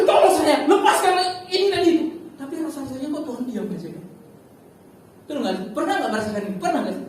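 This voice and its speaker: Woman preaching in a booming, echoey church. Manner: lively, addresses the congregation directly and acts out quoted speech. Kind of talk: church sermon. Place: large church service. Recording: very echoey church hall, distant mic, faint noise.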